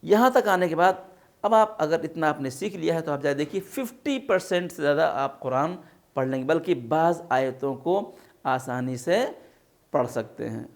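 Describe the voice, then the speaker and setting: Male Quran teacher, fairly high voice, patient step-by-step tajweed explanation. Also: animated. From India. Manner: spells out syllables slowly, asks and answers his own questions. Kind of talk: tajweed lesson.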